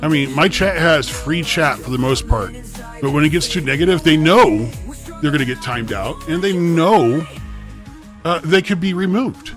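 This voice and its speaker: A man's voice: a little high, moderate pace, a bit bright, soft background music. Man on a clipping, distorted mic. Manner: confrontational, calling out a rival streamer directly. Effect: overmodulated, clipping distorted mic. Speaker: live streamer. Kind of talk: livestream rant.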